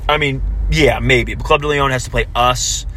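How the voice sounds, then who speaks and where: A man co-hosting a casual soccer recap, correcting himself as he goes, heard on low-quality audio recorded while driving in a car. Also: steady tone, normal speed, pushed and bright, a little hiss or hum. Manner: talks through standings with frequent self-corrections. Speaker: podcast co-host. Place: moving car.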